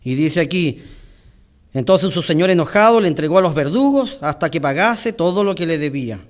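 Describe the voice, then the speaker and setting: Male preacher, high voice, church sermon, reads scripture, then explains slowly with pauses. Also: animated. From Chile.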